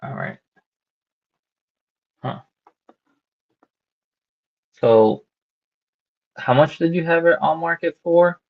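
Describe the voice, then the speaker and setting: A man cold-calling a homeowner about buying her house, talking casually and haltingly with lots of fillers and restarts, heard over a phone line. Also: fairly high pitch, gravelly. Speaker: real estate wholesaler cold-calling a seller. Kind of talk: casual sales phone call. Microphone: phone call. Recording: dull lo-fi call recording.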